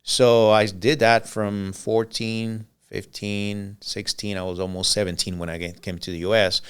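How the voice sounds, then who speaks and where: A middle-aged man from Cuba, Spanish his first language, speaks in a low, smooth and resonant voice. He tells his story as a podcast guest, easygoing and meandering, filling pauses with "uh" and "um". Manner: relaxed, rambling, frequent "uh" and "um". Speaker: podcast guest, business owner. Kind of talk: casual interview storytelling.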